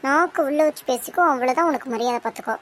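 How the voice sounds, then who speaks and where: A woman's voice: sits high, quick pace, a bit bright. A woman voicing a young bride-to-be in a cartoon soap drama, talking back firmly and cuttingly to defend her younger sister. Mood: defiant. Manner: firm, defiant, cutting.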